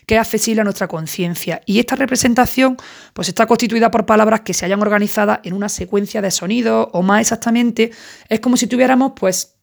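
Woman lecturing with vocal fry. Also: mid-range voice. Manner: conversational, tags points with questioning asides. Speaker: university tutor. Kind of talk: casual recorded lecture.

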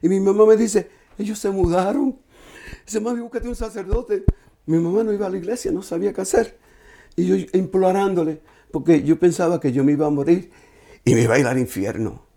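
Gravelly man telling a personal testimony. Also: high voice, mellow. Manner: halting, earnest storytelling with repeated restarts. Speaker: speaker sharing a personal testimony.

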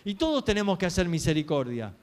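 A man's voice: high voice, big pitch swings, fast talker. A man preaching a sermon, telling stories earnestly and asking rhetorical questions.

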